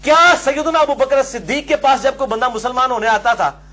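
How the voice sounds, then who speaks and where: A man's voice: extremely high pitch, fairly quick, bright, forceful tone. A man giving an emphatic, argumentative religious lecture, citing books and asking helpers to show pages. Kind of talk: religious lecture with book references.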